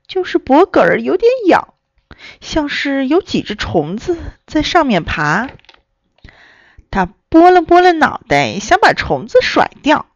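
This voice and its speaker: A woman reading a children's story aloud in an expressive storytelling way. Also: high-pitched, dry recording, dull audio.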